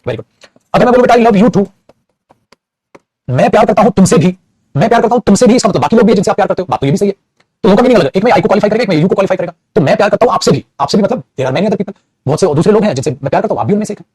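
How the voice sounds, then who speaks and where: A man's voice: high-pitched, lively intonation, racing, darkish tone, slightly rough, no room sound. A male teacher giving a repetitive classroom-style grammar lesson, often calling his students "beta" and praising them. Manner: repetitive, addresses students as "beta", frequent "very good". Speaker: English teacher.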